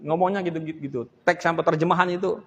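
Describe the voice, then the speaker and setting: High-voiced male pastor preaching. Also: racing, in a large hall, lo-fi sound. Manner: animated, jokes and calls out to the congregation. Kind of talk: sermon. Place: church hall.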